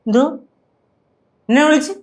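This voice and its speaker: An actor playing a boastful, stubborn young husband in a TV sitcom, argumentative in manner. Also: male voice, moderate pace, natural voice. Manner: boastful, argumentative, lively swings of pitch. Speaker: sitcom character. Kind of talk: TV sitcom acting.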